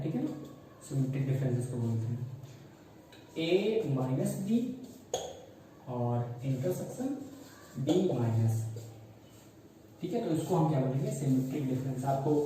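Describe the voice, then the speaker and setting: A man's voice: medium pitch, mellow, a little hiss or hum. A male teacher giving a classroom maths lesson, often asking questions and answering them himself while mixing English terms into Hindi. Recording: very echoey room, mic far off.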